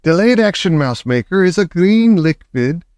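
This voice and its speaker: A man doing a shrill, gloating Grand High Witch. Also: lively intonation, moderate pace, clean tone, dry recording, clean studio sound. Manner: broken grammar, shouting triumphantly. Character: gloating old female witch leader, screeching.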